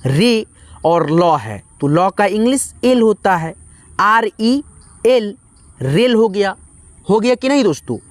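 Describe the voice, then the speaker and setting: A man's voice: high-pitched, very animated, no room sound. A man teaching an English spelling lesson, spelling each word out letter by letter and checking in with his viewers again and again. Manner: slowly spells out letters, often adds "theek hai" to check in; addresses viewers as friends, patient and repetitive.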